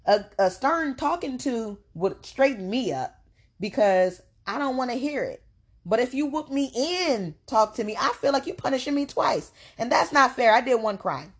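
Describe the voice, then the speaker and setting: A young adult woman co-hosting a casual podcast chat, talking in an animated, emphatic way. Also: a little high, normal speed. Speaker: podcast co-host.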